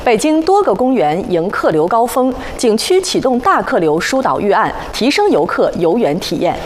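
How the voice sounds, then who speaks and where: A woman's voice: medium pitch, sing-song, normal speed, darkish tone, a little hiss or hum. A woman anchoring TV news in standard Mandarin, reading headlines in a formal broadcast style.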